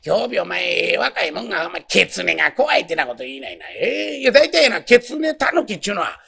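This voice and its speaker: A man doing a gruff older Kansai townsman. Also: sits high, big pitch swings, a little fast, sharp tone, voice pushed down, heavily acted. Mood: lecturing. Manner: gruff, lecturing Kansai dialect. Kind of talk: rakugo storytelling.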